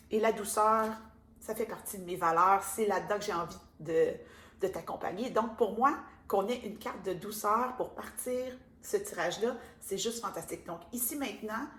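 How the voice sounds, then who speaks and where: A woman with a Québécois accent giving a casual oracle card reading, chatty and gentle, with many fillers. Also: medium pitch. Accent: Québécois French. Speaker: card reader and spiritual guide. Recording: echoey room with faint ambient noise.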